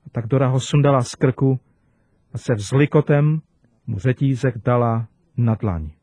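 Kazatel vyprávějící dětem. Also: male voice, mid-range voice, no room sound. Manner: gentle, expressive storytelling. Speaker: preacher. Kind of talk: children's sermon storytelling.

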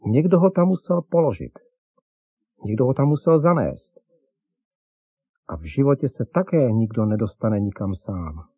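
A man's voice: mid-range voice, very animated, long pauses, husky, no echo. Man doing a kind, teaching father. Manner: warm, kindly, instructive. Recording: dull lo-fi dry recording.

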